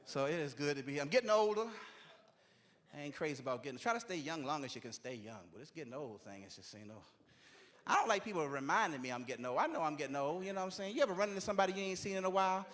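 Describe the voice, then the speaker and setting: A man's voice: a little high, expressive, racing, fairly bright tone. A man in his forties doing stand-up comedy on a church stage, with loose, chatty, streetwise talk and a constant "you know what I'm saying.". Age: 40s. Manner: drawling, streetwise phrasing.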